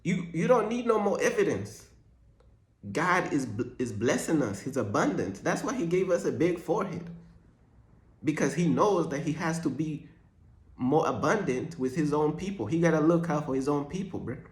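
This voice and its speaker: A young man from Uganda riffs through a faith vlog in loose, slangy talk, mixing jokes with preaching. His voice sits a little high for a man. The room around him rings with echo. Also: animated, moderate pace. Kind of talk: casual faith vlog monologue.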